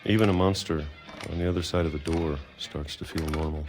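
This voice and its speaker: An actor playing a middle-aged recluse who has lived underground for decades, speaking slowly and wearily with quiet resolve. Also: male voice, very deep voice, fairly even intonation, music in the background. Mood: weary. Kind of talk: game voice acting.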